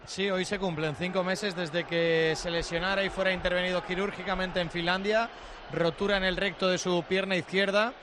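A high-pitched man reports live from a football stadium. Clear outdoor noise surrounds his voice as he discusses the match. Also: level tone, normal speed. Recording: noisy outdoor stadium ambience.

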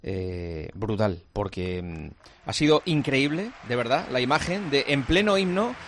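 A man's voice: medium pitch, lively intonation, measured pace, a bit bright, a little hiss or hum. A man doing live radio sports commentary from an indoor arena, emphatic and emotional.

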